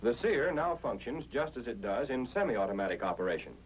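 A sing-song, medium-pitched American male voice narrates a military training film, fairly quickly and methodically, like something from the 1940s. The recording sounds muffled, with the noise and hum of an old film soundtrack.

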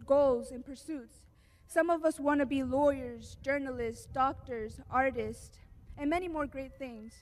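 A teenage girl gives a graduation speech in an earnest, heartfelt way. Her voice sits high. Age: teens. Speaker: graduating student speaker.

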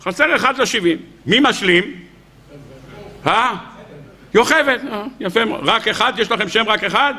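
A man, a rabbi, giving a lively storytelling sermon to a live audience, joking, acting out the characters and putting questions to his listeners. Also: sits high, long pauses. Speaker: rabbi giving a weekly Torah lecture. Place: lecture hall with a live audience.

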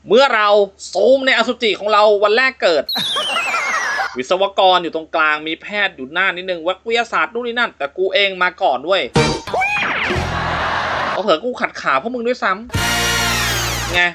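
A man's voice: high-pitched, wildly swooping pitch, moderate pace, long pauses, over loud music. A man hosting a comedy channel, reacting to funny clips in crude, joking banter and laughing often. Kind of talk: casual comedic commentary.

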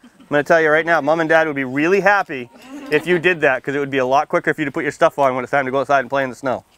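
This man's voice is a little high and fairly bright, with fairly even intonation and rapid-fire delivery. Presenting as a firefighter to children seated under a tent canopy outdoors beside a building, he keeps the safety talk simple and playful, full of questions, teasing, and check-ins of "okay" and "right."

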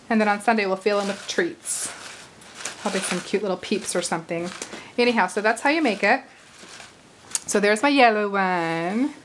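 A chatty woman in her thirties walks through a paper craft at her table, her voice slightly hoarse as if she is losing it. Her pitch sits mid-range for a woman. A faint hiss and small clicks of paper and tools sit under her voice. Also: low-quality recording. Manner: chatty, apologetic asides, talks while working. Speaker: crafting tutorial host. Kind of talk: casual crafting tutorial. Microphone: camera at arm's length over the craft table.

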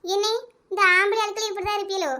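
A woman voicing a very high, bright indignant housewife. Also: level tone, fast. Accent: Kanyakumari Tamil. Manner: arguing, defensive. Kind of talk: cartoon comedy voice acting.

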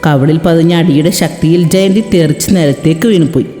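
A woman narrating a dramatic story in an expressive reading style. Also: low-pitched, a little fast. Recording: echoey reverberant room with music.

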